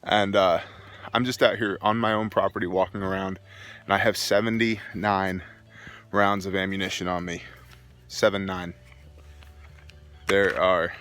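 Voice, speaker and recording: Middle-aged male prepper vlogger, folksy gun-nut type, deep voice, unhurried and emphatic, casual delivery. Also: fairly bright tone. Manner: deliberate, emphatic, listing points in short phrases. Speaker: homesteading and preparedness video host. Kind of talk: casual off-the-cuff vlog talk to viewers. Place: outdoors, walking on own rural land.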